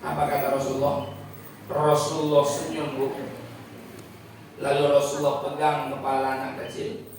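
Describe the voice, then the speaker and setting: A man's voice: a little high, monotone, normal speed, long pauses, darkish tone, slight background noise. A male preacher giving a sermon in a mosque, storytelling dramatically with his voice rising and falling. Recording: echoey mosque hall from far off.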